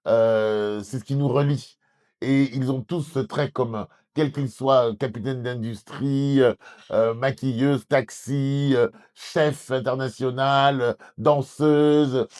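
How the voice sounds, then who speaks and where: A man's voice: mid-range voice, darkish tone. A middle-aged man from southwest France answering interview questions as a documentary presenter, earnest and hesitant with many fillers and restarts.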